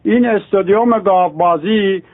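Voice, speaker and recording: A man telling a string of jokes in a lively way, voicing the characters in them. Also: sits high. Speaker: joke teller. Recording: tinny phone-like radio sound.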